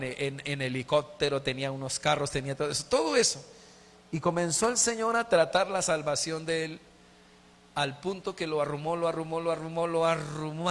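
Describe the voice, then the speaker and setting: A man's voice: a little high, fairly bright tone. A middle-aged man, a Colombian pastor, preaching a sermon and telling a personal testimony with emotion and a lot of repetition. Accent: Colombian Spanish. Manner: emotional storytelling with heavy repetition. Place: church sanctuary. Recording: long church reverb.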